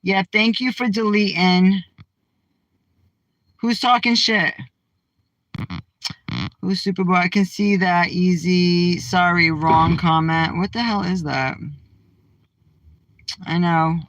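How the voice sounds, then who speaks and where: A woman's voice: fairly low pitch, fairly even intonation, takes it slowly, long pauses, fairly bright tone, no echo, rough recording. A woman from Massachusetts hosting a casual livestream, bluntly firing back at viewers' comments from her car. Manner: brash, outspoken, trash-talking. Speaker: livestream host. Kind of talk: casual live chat reading comments.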